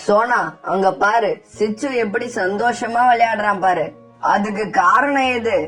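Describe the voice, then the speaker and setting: A woman voicing a kind, wise female dove in a cartoon who gently reassures her friend. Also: medium pitch, measured pace, recorded from a distance, soft background music, natural voice. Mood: consoling.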